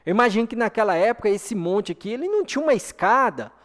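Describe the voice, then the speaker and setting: A man's voice: sits high, very animated, quick pace, fairly bright tone. A man with a Brazilian accent preaching an earnest sermon to a congregation, often asking for an "amen". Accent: Brazilian Portuguese. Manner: earnest, repeats "amém?" to the congregation. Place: church hall. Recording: long hall reverb.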